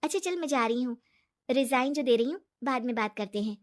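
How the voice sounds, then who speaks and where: An earnest, trusting young woman, as a woman narrator puts her on, talking eagerly and openly. Her voice rides high and light. The tale is told storybook fashion by one narrator. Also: lively intonation, brisk. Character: trusting young woman office worker, naive.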